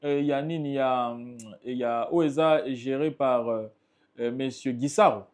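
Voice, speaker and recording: A man's voice: medium pitch, moderate pace, a little mellow, clean tone. A man with a Congolese French accent, speaking as a political spokesperson in an interview, emphatic and impassioned. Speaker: political party spokesperson, guest.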